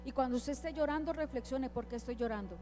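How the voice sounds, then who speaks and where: A woman with a high voice preaches a sermon to her church. She speaks with emphasis and keeps asking the congregation questions, while faint music plays behind her. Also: quick pace, dark tone.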